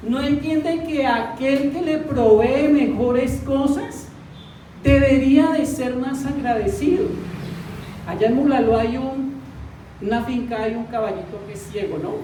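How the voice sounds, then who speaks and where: A woman preaching a sermon, often putting questions to the congregation and stressing words slowly. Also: high voice, mellow, a little hiss or hum. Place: church hall. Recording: distant mic in an echoey church hall.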